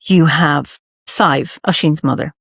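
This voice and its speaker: An Irish woman storyteller talking reflectively in a lilting, emphatic way, with thoughtful, deliberate pauses. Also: low-pitched, vocal fry, a bit bright, husky, no echo, studio quality. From Ireland. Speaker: storyteller, interview guest. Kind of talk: reflective conversational storytelling talk.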